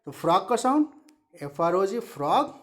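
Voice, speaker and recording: A woman's voice: mid-range voice, very animated, normal speed. A woman teaching young children animal sounds, spelling each word letter by letter and imitating the calls.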